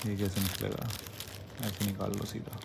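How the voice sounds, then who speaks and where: A man's voice: fairly low pitch, flat delivery, normal speed, gravelly, roomy sound, distant mic, background noise. A young man chatting casually to his phone camera in a vlog, teasing and playful. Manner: playful, teasing, bursts of mock anger. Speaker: travel vlogger. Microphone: phone held in hand.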